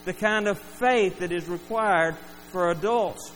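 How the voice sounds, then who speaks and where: A man's voice: high-pitched, unhurried, a bit bright, soft background music. A man preaching a sermon, addressing his congregation as folks. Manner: earnest, acts out quoted lines. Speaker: pastor. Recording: reverberant hall with mains hum.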